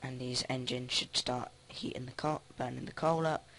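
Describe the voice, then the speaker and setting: Male let's play host, flat gravelly delivery, casual halting commentary, faint hiss behind. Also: medium pitch. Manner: flat, halting, thinks aloud with many restarts.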